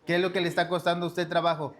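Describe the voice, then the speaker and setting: A man's voice: a little high, flat delivery, very fast, fairly bright tone. A man teaching a church discipleship lesson in an earnest sermon style, often addressing his listeners as brothers and sisters.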